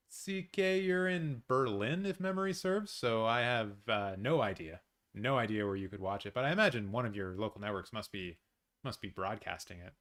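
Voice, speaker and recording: Chatty man hosting a live watch-along. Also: medium pitch. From Canada. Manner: chatty, excitable, rambling with fillers and restarts. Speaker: live-stream host. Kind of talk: casual live watch-along chat, reading viewer comments. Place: his apartment in daylight.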